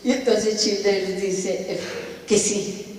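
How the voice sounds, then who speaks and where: Animated woman speaking in an echoey hall. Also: medium pitch, slow. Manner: animated, self-mocking storytelling. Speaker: speaker at a business event. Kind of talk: personal story told on stage. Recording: echoey hall, distant mic.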